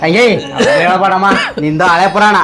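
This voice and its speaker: A man's voice: sits high, fairly even intonation, quick pace, music in the background, close to an everyday voice. A man playing a defiant spoiled younger son. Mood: stubborn. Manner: defiant, dismissive, repeats demands. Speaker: younger son demanding his share.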